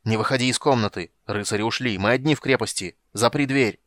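A man reading a huge, gruff male warrior who barks orders in an audiobook. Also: mid-range voice, quick pace, fairly bright tone, no echo, lightly acted. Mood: commanding. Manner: barking orders, bellowing. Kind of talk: audiobook character voice.

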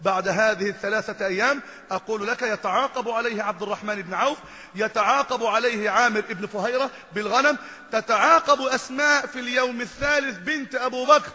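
High-voiced Egyptian preacher, echoing hall. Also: male voice, a little fast. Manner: animated, emphatic storytelling that swells into loud exclamation. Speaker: imam and preacher. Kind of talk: storytelling sermon.

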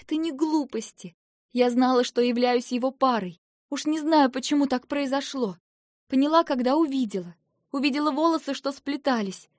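A proud young princess, acted by a woman narrator whose speech is raised and cutting. Her sarcastic, defiant delivery runs higher and louder than the narration. The storybook recording is close and dry. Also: lively intonation, brisk, no echo. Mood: distraught.

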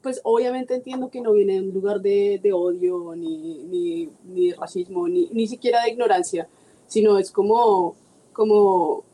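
A woman talking as a guest in a casual conversation, animated, acting out quoted people and laughing. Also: medium pitch, measured pace, low-quality recording.

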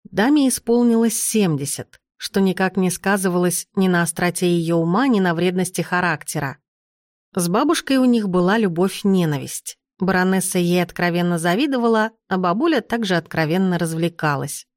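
A woman narrating a novel in the first person, measured and even. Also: on the low side, dry recording, studio quality. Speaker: audiobook reader.

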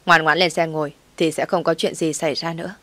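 A woman's voice: sits low, steady tone, quick pace, fairly bright tone, no echo. A woman voicing a harsh woman who snaps threats and orders. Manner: harsh, scolding.

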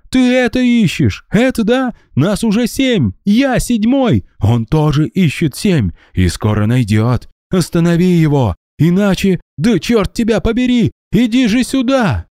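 A frantic, shrill young ghost. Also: male voice, lively intonation, measured pace, few pauses, no room sound, studio quality. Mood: frantic pleading. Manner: desperate, pleading shouts.

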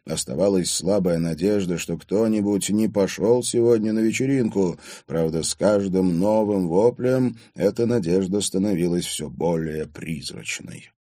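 Husky low-voiced male audiobook narrator. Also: normal speed, hardly any pauses, dark tone, no echo, studio quality. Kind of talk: scripted narration.

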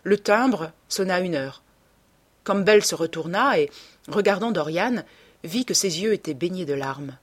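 Woman reading an old novel aloud, lowish breathy voice, steady pace. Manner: measured, even storytelling. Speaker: audiobook narrator. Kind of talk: scripted literary narration.

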